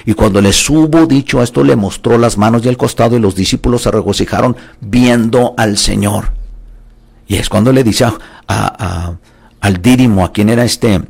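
A man's voice: medium pitch, moderate pace, creaky, a little mellow, husky. A man preaching a sermon, reading Bible verses aloud and asking the listeners pointed questions with emphasis.

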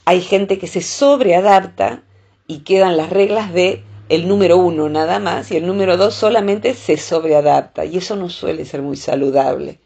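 A woman with a Rioplatense Spanish accent, talking through ideas in a casual podcast chat, often pausing on "eh". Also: lowish voice, gravelly, mellow, slightly rough, lo-fi sound. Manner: thoughtful, explains with many filler "eh"s.

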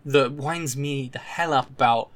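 A man with a modern British RP accent from the south of England in casual political discussion. His voice sits at an average pitch. He is opinionated, often restarting and repeating phrases as he builds a point. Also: fairly bright tone. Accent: modern British Received Pronunciation, southern English. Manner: opinionated, halting and repetitive, with frequent tag questions.

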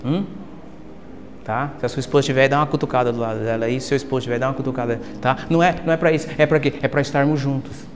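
A Brazilian man preaching a sermon to his congregation, calling them "my brother" and swinging from hushed asides to loud exhortation. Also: medium pitch, fairly even intonation, rapid-fire, dull audio. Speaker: pastor. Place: church service with congregation in masks. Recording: long hall reverb with faint music.

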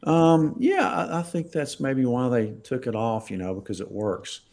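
A man's voice: medium pitch, animated, normal speed, darkish tone. A man, a doctor, answering viewer questions in a live Q&A, talking conversationally and emphatically with frequent chuckles. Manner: conversational, emphatic, laughs often.

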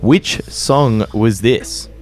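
A man co-hosting a casual podcast quiz in a teasing, animated way. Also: medium pitch, drawn-out words, soft background music. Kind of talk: casual chat.

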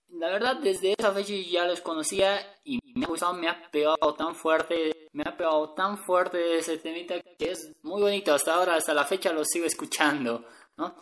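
A man's voice: on the high side, fairly bright tone, distant mic, low-quality recording. A man hosting a casual music talk for viewers, chatty and hesitant, often checking in with his listeners. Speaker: music channel host.

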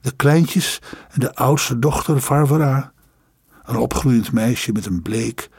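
A man reading a story aloud in measured, dramatic audiobook narration. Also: medium pitch, creaky, slightly rough, dry recording, studio quality.

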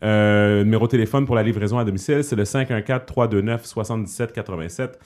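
This low-leaning male voice moves at a quick clip as he hosts a laid-back podcast in Quebec French. Loose and easygoing, he scatters fillers throughout and mixes in bits of English.

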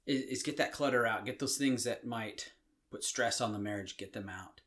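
A man's voice: medium pitch, fairly bright tone. A middle-aged man co-hosting a casual marriage podcast, talking thoughtfully and often restarting his sentences. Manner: thoughtful, halting with frequent restarts. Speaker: podcast co-host.

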